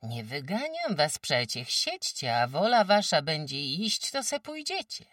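A woman's voice: deep voice, big pitch swings, a little slow, a bit bright, dry recording, clean studio sound, recorded from a distance, voice pushed up, full character voice. A woman voicing a careworn peasant farm wife who talks emphatically in rustic speech, lamenting her troubles. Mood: blunt. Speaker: farm housewife.

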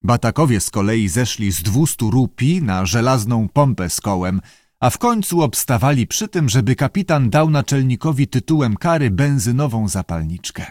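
A man reading an audiobook in measured, even storytelling narration. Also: mid-range voice, dry recording, studio quality.

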